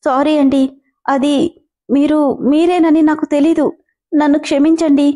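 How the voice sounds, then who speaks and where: A frightened young bride pleads through tears in a high, mellow voice, apologizing again and again, as a woman narrator puts her on. She sounds small and shaky, like a storybook girl facing someone she dreads. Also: brisk, close to an everyday voice. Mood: tearful. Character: timid tearful young bride.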